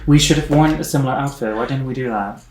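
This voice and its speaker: A man co-hosts a relaxed review show, his Dutch accent coloring his speech. He delivers dry, easygoing jokes at a middle pitch. The room around him adds a noticeable echo. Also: quick pace, a little hiss or hum. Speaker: podcast co-host. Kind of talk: casual review chat. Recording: roomy echo.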